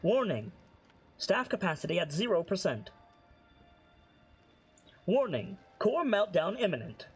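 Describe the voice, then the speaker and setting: Man doing a robotic custodian drone, flat clipped announcements, husky, fairly high voice. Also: measured pace, long pauses, soft background music, full character voice. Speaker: game master.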